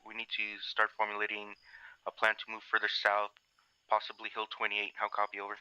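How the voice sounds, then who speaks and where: Man, crackly military radio, team leader, terse call-sign chatter, sharp crisp voice, muffled band. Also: on the low side, monotone, a little fast, no echo. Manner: terse radio procedure speech with hesitations.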